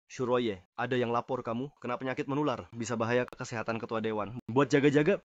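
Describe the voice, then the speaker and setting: Guy doing a stern exec assistant, curt and quick, dry muffled dub. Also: mid-range voice, steady tone, dry recording, lightly acted. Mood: businesslike. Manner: curt and businesslike. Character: cool, stern male executive assistant. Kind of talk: dubbed short drama.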